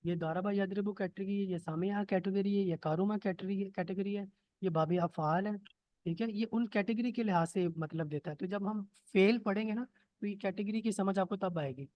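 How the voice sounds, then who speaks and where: A man's voice: high-pitched, normal speed, dry recording, dull audio. Patient man teaching over a call. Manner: patient, checks in with "theek hai?" often. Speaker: Arabic grammar teacher. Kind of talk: online lesson, explaining step by step. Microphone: computer mic on a video call.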